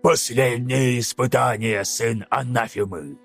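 A man voicing an ancient, hunched two-headed vulture demon in an audiobook, speaking in slow, grave, hissing pronouncements with a husky voice. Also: mid-range voice, a bit bright, soft background music, voice pushed down, heavily acted. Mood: grave, ominous.

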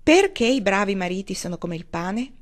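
A woman's voice: mid-range voice, sing-song, normal speed, close to an everyday voice. A woman reading as a meddling, gleeful old uncle. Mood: joking.

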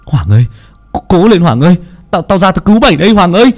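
A man's voice: sits high, big pitch swings, fast, soft background music, pitched above the performer's own voice, full character voice. Man doing a frantic screaming boy. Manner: shouting, stammering. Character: young boy, frantic and desperate.

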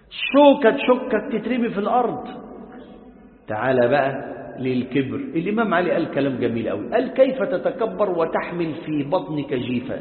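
Egyptian preacher in an echoey hall. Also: male voice, high-pitched. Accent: Egyptian Arabic. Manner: lively, acts out dialogues, fires rhetorical questions. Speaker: Islamic preacher teaching a lesson. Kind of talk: colloquial religious lesson. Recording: echoey hall over a tinny phone-like line.

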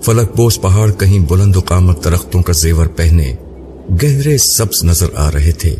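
Deep-voiced male audiobook narrator. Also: lively intonation. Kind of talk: scripted narration. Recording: noisy background hiss.

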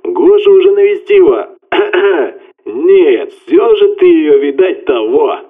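A man doing a loud, rowdy buddy on a tinny phone line. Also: a little high, big pitch swings, slow, pitched above the performer's own voice, heavily acted. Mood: boastful. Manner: blunt, rowdy, slangy.

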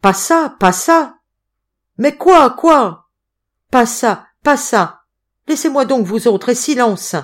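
A woman voicing a panicked older village mayor who shouts and pleads. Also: mid-range voice, expressive, moderate pace, few pauses, natural voice. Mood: frantic.

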